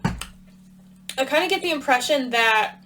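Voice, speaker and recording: A woman's voice: sits high, lively intonation, slow pace, sharp tone, slight background noise, poor audio. A woman giving a casual tarot reading to her viewers, thinking aloud with plenty of fillers while talking around a cough drop. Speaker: tarot reader.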